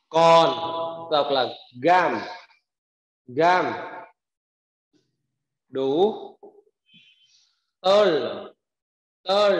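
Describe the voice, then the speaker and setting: A man teaching pronunciation, saying each word slowly twice for learners to repeat and patiently explaining rules. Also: a little high. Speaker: language teacher. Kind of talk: pronunciation drill lesson. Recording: echoey hall, dull lo-fi sound.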